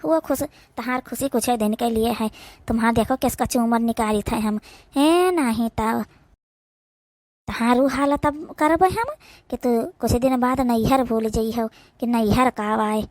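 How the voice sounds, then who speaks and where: A woman with an Awadhi accent voices a rural family drama for a cartoon, using colloquial, complaining village speech. Her voice is slightly high and a little mellow, her pace measured, with no echo.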